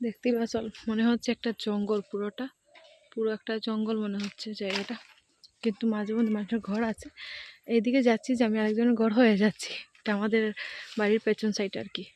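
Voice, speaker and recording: A woman narrating a casual village vlog on a handheld phone as she walks along paths and fields, tired from walking and keeping her voice low. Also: little pitch movement, fast, dry recording. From India. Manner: speaks softly while passing neighbours' yards. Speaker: village lifestyle vlogger. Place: outdoors on village paths and fields, then at home. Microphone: handheld phone camera.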